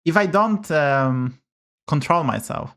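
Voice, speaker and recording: He speaks slowly yet with lively intonation, in a fairly high, fairly bright voice. A Polish native with a matching accent, he gives casual game-stream commentary from home, blunt and heavy on swearing, often ranting about bugs.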